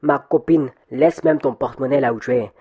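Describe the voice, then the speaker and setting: A woman's voice: a bass voice, a little fast, husky, highs cut off. A woman playing a cheerful, engaged young woman who coaxes her best friend in a friendly, playful way. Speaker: best friend character in an audio web series. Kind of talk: amateur audio drama acting.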